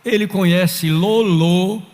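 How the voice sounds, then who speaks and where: Brief: pastor, high voice, slow deliberate fervent sermon, church hall reverb. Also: male voice, a little mellow. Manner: fervent preaching with story-telling and quoted voices.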